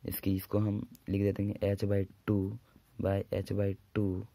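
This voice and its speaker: A man teaching a maths lesson at a whiteboard. He dictates formulas slowly and drawn out, with brisk asides to his students. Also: lowish voice, monotone, vocal fry, warm tone, no room sound.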